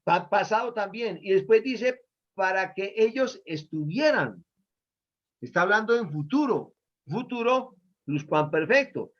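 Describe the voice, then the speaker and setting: A man's voice: sits high, expressive, unhurried, fairly bright tone. A man, a pastor, leading a Bible study and quizzing his listeners on verb tenses. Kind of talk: Bible study lesson with questions to students. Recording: dull lo-fi recording.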